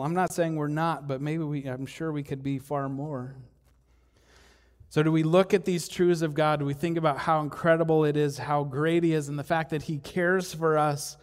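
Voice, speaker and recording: A man preaching a sermon in a church, speaking conversationally with rhetorical questions and frequent restarts, at times poking gentle fun at himself. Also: fairly high pitch. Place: church hall. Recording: long hall reverb.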